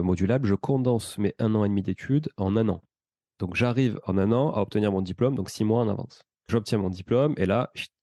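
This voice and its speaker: A man in his thirties with a Toulouse accent, telling his life story as a podcast guest in a relaxed, rambling way with many fillers. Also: lowish voice, creaky, dry recording, clean studio sound. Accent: Toulouse French. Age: 30s. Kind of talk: casual conversational storytelling.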